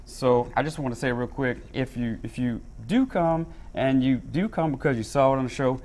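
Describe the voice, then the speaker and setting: A man's voice: mid-range voice, normal speed, darkish tone. A man in his thirties, a chef and restaurant owner, talking casually through a cooking demo on a morning TV show, with lots of ums and uhs. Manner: chatty, many ums and uhs. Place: TV studio kitchen set.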